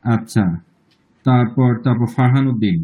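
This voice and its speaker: A man with a Bangladeshi accent teaching an online German class, drawing out words slowly and checking in with students often. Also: medium pitch, fairly even intonation, dark tone, low-quality recording. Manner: slow, drawn-out model pronunciations, checks in often.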